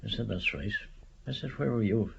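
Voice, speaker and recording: A man's voice: lowish voice, a little fast, vocal fry, noisy background. An older man recounting a wartime anecdote in an oral history, in a dull archive radio recording.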